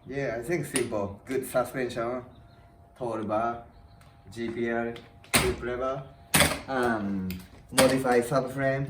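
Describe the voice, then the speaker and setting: Recorded from a distance with echo and clear background noise, a man chats casually. He has a non-native English accent and speaks in short, simply built phrases as a guest rider explaining his own setup. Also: medium pitch, fairly even intonation, slow, long pauses. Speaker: guest freestyle motocross rider. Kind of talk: casual unscripted chat. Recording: distant echoey sound, clear noise, clicks.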